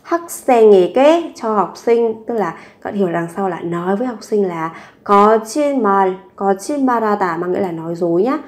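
A woman teaching a grammar lesson at a middle pitch, explaining each point step by step and repeating every example sentence. Her voice rings with a noticeable echo off the room. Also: lively intonation, fast talker, few pauses. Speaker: Korean language teacher.

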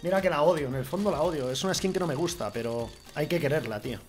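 A young man with a Spain Spanish accent, swearing often as he streams himself opening game cases, swinging from grumbling to shouting. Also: on the high side, fast talker. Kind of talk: excited gaming commentary. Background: background music.

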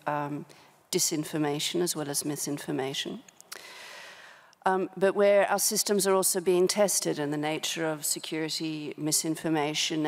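Speaking close to a desk gooseneck mic in a large indoor conference hall, this middle-aged woman serves as a panelist at a policy forum, where she directs human rights for a company. Her voice is low, and she delivers prepared remarks off the cuff in a measured, halting way with formal wording.

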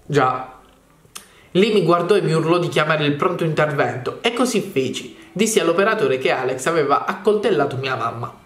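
A reader voicing a young man in a horror chat story, reading his messages aloud in a flat, plain way. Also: on the high side, normal speed, roomy sound. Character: young man telling of his troubled brother.

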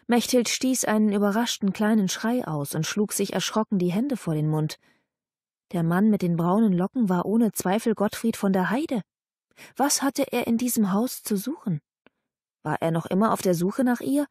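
Female audiobook narrator, steady storytelling, mid pitch, dry close mic. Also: dry recording.

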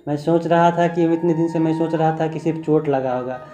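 A man's voice: fairly high pitch, steady tone, fairly quick, dark tone, faint music behind. A young man vlogging heartfelt about his family, speaking plainly as a father. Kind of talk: emotional family vlog talk.

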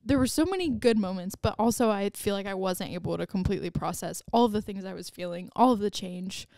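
A woman's voice: medium pitch, quick pace, a little mellow, no echo, clean studio sound. A pregnant woman in her twenties co-hosting a casual podcast chat, rambling and giggling with lots of "like"s. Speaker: podcast co-host.

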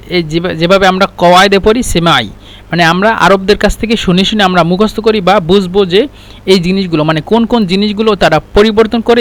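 A man's voice: high-pitched, fairly bright tone. A man with a Bangladeshi accent teaches an Arabic vocabulary lesson, repeating each word and then explaining it.

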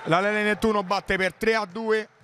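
A man giving excited futsal match commentary in clipped play-by-play bursts, breaking into shouted goal calls. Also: high-pitched, normal speed, over loud music, over a noisy crowd. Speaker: sports commentator. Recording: noisy indoor sports hall ambience.

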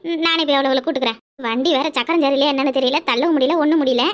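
Woman voicing a shrill quarrelsome village auntie. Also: natural voice. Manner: shrill, scolding, rapid-fire taunts. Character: loud quarrelsome middle-aged village woman. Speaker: cartoon character. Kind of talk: cartoon voice acting.

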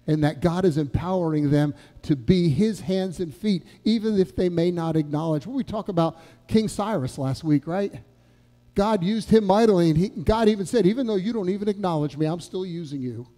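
A man's voice: a little high, dark tone. A male pastor preaching a sermon in a church, telling a story earnestly and asking the congregation questions. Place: church sanctuary. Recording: long church reverb.

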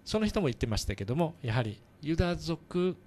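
A man hosting a church radio talk show, explaining patiently in a halting way with many fillers. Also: a little high, sing-song, a little mellow, a little hiss or hum.

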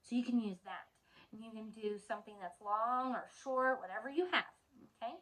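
Preschool teacher, woman, animated storyteller, at home, a bit high-pitched. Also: fairly quick, poor audio. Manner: animated, gasping storyteller; chatty with children. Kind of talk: reading a picture book aloud to children.

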